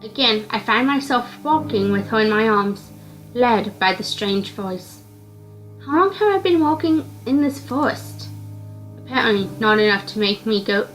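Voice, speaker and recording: In a rough recording, a woman with a mid-range voice reads a visual novel aloud, narrating expressively but occasionally stumbling and repeating words.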